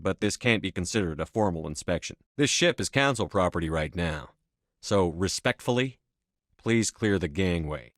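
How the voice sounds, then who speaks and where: An actor playing a steadfast, no-nonsense starship commander in a video game, with clipped, firm, formal military delivery. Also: male voice, deep voice, dry recording, clean studio sound. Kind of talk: video game dialogue lines.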